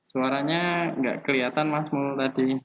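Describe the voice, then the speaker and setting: A man in an online class, talking quickly and offhandedly over a call from a phone held away from his mouth. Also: medium pitch, level tone. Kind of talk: casual call check. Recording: dull lo-fi call audio with loud hiss.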